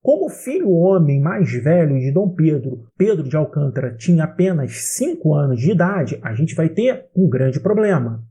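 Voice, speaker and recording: A Brazilian man teaching an exam-prep history lesson, explaining clearly and speaking directly to the student. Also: a little high, dark tone. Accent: Brazilian Portuguese.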